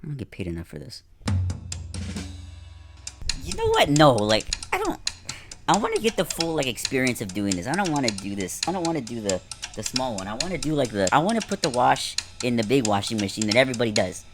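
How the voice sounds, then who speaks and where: A man's voice: mid-range voice, very animated, fast. A tired, out-of-breath young man talking casually as a vlogger, chatty and self-mocking, often trailing off mid-sentence in a home laundry room. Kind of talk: casual vlog commentary. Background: background music.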